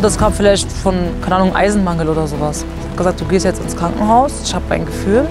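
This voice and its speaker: Woman, twenties, from Germany; candid and slangy, mid-pitched, outdoor lapel mic over a music bed. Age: 20s. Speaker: patient telling her story. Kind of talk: documentary interview. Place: garden outdoors.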